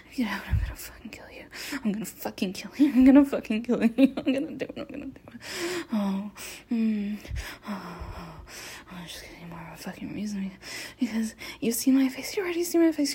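A woman playing a sadistic, unhinged female killer in an adult audio roleplay, talking in a breathy whisper broken by laughs. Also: mid-range voice, mellow.

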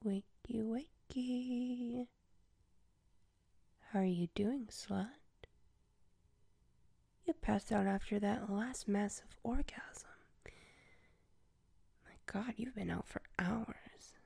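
A slow, deliberate taunting voice with a gravelly fry, close and dry on the mic, as a woman plays a vengeful former student. She sighs often and sinks into hushed whispers. The manner is domineering and relentless. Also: fairly low pitch, no echo. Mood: whispered taunting.

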